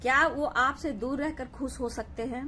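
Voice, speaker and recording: A woman's voice: sits high, fairly even intonation, moderate pace, sharp tone, a little hiss or hum. A woman giving a collective tarot reading, addressing viewers as "dear" and often repeating "okay" to reassure them. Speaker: tarot reader.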